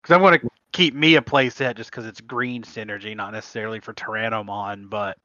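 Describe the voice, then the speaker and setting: A man's voice: on the low side, fairly even intonation, fairly quick, sharp tone, no room sound. A man co-hosting a trading card game podcast, telling stories in casual chat and laughing at his own mishaps. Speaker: podcast co-host. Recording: muffled lo-fi audio.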